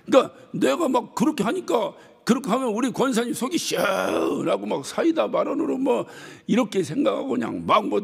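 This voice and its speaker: A male pastor preaching a sermon, telling stories about his congregation with lively acted-out quotes and bursts of shouting. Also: high-pitched, vocal fry, breathy edge. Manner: animated storytelling, mimics congregants and shouts. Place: church hall. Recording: reverberant church hall.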